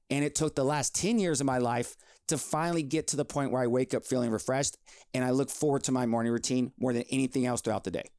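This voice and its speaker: A man's voice: fairly high pitch, darkish tone, clean tone, no room sound, studio quality. A man in his forties hosting a solo health podcast, talking in an upbeat, emphatic, motivational way. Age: 40s. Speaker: podcast host.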